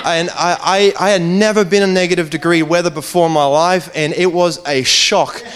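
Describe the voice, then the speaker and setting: A man's voice: fairly high pitch, steady tone, normal speed, fairly bright tone. A man, a preacher telling a personal testimony in an earnest, conversational way, often restarting his phrases.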